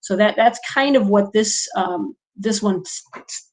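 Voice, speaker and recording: A woman's voice: medium pitch, measured pace. A woman instructional coach leading an online meeting, telling a story in a chatty way and acting out the people she quotes. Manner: chatty, animated when quoting people. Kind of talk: casual storytelling to a video meeting.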